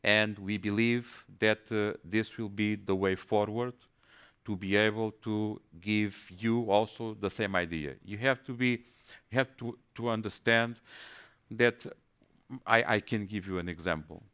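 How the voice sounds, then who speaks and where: Guy talking in a webinar, low smooth voice, lots of uh and repeated words. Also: steady tone, measured pace, a bit bright. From Portugal. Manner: hesitant, repeats words while thinking. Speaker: panelist. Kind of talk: webinar presentation.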